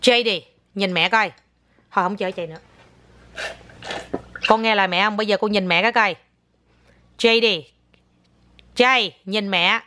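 A woman's voice: medium pitch, normal speed, pauses often, bright, forceful tone. A woman talking casually with her young child as a mother, patient and coaxing, repeating herself and slipping into English now and then.

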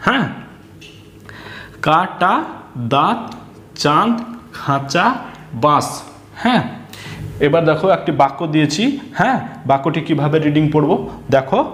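A man's voice: on the high side, animated, measured pace, long pauses, a bit bright, reverberant. A man teaching a reading lesson to children, spelling out words syllable by syllable and asking his pupils questions.

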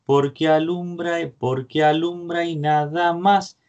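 A man's voice: on the high side, fairly even intonation, slow, darkish tone, muffled recording. A man giving an online songwriting lesson, explaining verse meter and singing short example lines. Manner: sings short melody lines between spoken explanations. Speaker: guitar and songwriting teacher. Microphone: video call.

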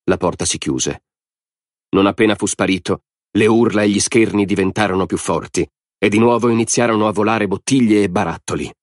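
Deep-voiced male audiobook narrator. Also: brisk, no echo, studio quality. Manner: steady, even storytelling. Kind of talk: scripted narration.

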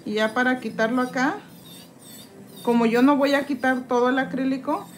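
With slight noise in the background, a woman from Mexico speaks in a high-pitched, fairly even voice at a moderate pace. She's a nail tech streamer working indoors at her nail desk, filing off her own acrylics during a casual live stream and chattily greeting each viewer by name as she reads their comments out.

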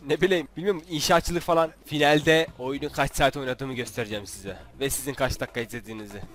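A young man giving casual, jokey commentary while playing a video game, teasing the characters on screen. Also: fairly high pitch. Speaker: gaming YouTuber. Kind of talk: casual Let's Play commentary.

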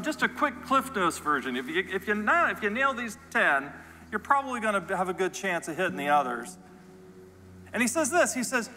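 A middle-aged American man preaching a sermon as the pastor, animated and joking with the congregation. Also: high voice, long reverb tail, low-quality recording. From United States. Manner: animated, jokey storytelling with the congregation. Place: large church hall.

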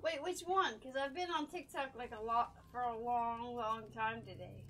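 A woman's voice: fairly high pitch, moderate pace, fairly bright tone, a little hiss or hum. A young woman streaming a game, chatting casually and giggling as she talks back to her viewers. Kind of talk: casual chat while gaming.

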